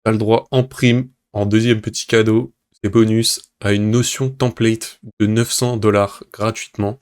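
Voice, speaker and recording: A man hosting a casual screen-recorded software tutorial, talking informally to the viewer and narrating his clicks with little sounds like "hop" and "tac". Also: fairly low pitch. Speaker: tutorial host.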